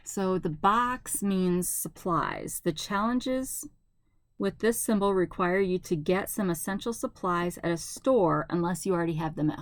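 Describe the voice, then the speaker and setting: A middle-aged woman chatting casually at home as a haul vlogger, thinking aloud and reading things out slowly. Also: lowish voice, dry recording. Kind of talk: casual unboxing chat. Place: at home, at a table.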